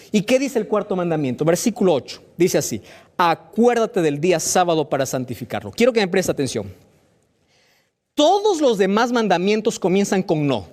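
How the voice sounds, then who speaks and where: A man's voice: high voice, a little mellow. A pastor preaching a sermon, firing rhetorical questions at his listeners with emphatic delivery.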